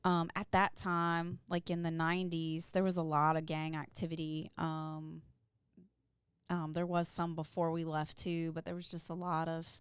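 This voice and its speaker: A woman from Kentucky co-hosting a relaxed chat, asking questions and laughing easily. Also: low-pitched, normal speed, smooth, no room sound, studio quality. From Louisville, Kentucky. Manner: laughs easily, asks questions, thinks aloud. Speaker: podcast co-host. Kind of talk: casual chat.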